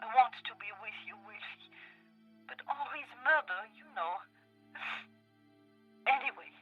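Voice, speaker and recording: Husky mistress on answering machine. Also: female voice, fairly high pitch. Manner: gushing, intimate endearments. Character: Bijou, affectionate, theatrical, guilt-ridden mistress. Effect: answering machine filter. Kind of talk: video game voice acting. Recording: dull answering machine message, music behind.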